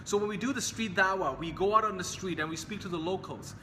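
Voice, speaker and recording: A young man from Hong Kong talks in a bright, high voice with an earnest, repetitive manner, circling back to the same phrases. His voice rings with a long reverb, and a faint hiss sits underneath. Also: fast. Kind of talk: casual talk to camera.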